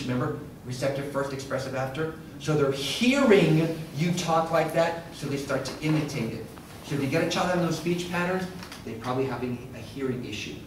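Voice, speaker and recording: A middle-aged man presenting a workshop to a live audience, asking questions and talking in an interactive way. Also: a little high. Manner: interactive, asks the room questions. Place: classroom or lecture room. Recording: echoey room from far off, faint noise.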